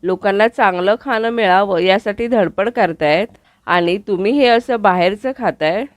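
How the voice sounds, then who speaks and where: A woman's voice: mid-range voice, moderate pace, no echo, natural voice. A woman voicing a fussy, sarcastic mother-in-law in a TV serial recap, reading her scolding lines in her own voice.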